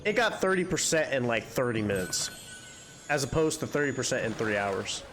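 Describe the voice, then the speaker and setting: The young man hosting this game playthrough has a congested, medium-pitched voice that's a bit bright, with big pitch swings and a normal speed. He chats in a rambling, candid way, with faint music behind him.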